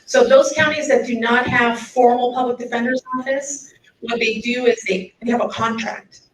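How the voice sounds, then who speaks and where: The speaker is a middle-aged woman from Mexico, a public defender taking questions at a podium after a public talk in English. She sounds earnest and persuasive, with a slightly high voice, a steady tone and normal speed. The mic is far off, leaving an echoey sound and faint room noise.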